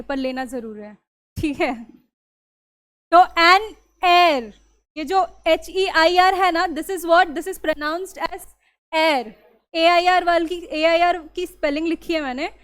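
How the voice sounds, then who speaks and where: A woman teacher, giving a classroom grammar lesson and often checking whether the students understand. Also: sits high. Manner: mixes Hindi and English, keeps asking the class if it is clear.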